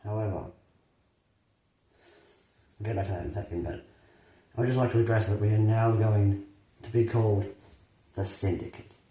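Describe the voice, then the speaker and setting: A man acts out a brash male wrestler delivering a taunting wrestling promo. The voice is mellow and slightly low, with halting, cocky phrasing, in a roomy, echoey space. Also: fairly even intonation, lightly acted. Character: brash male wrestling champion calling out a rival.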